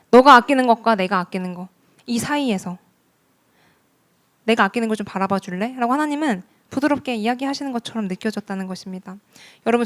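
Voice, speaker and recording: A woman evangelist preaching a sermon at a church worship service, talking earnestly and directly to the congregation. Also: fairly high pitch. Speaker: youth ministry evangelist.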